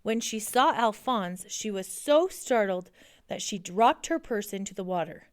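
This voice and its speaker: A woman narrating a children's picture book in a steady storybook reading. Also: medium pitch, unhurried, dry recording.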